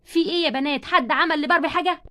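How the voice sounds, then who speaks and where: Woman voicing a strict schoolteacher, Egyptian accent, scolding, bossy, very high, fast. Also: pushed and bright. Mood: stern. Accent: Egyptian Arabic. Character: strict loud female schoolteacher, sharp-tongued. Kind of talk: doll play storytelling.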